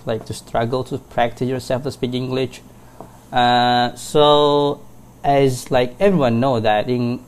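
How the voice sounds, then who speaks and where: A man whose first language is Thai hosts a casual podcast in a mid-range, darkish voice. His delivery is hesitant and full of fillers like "uh" and "like."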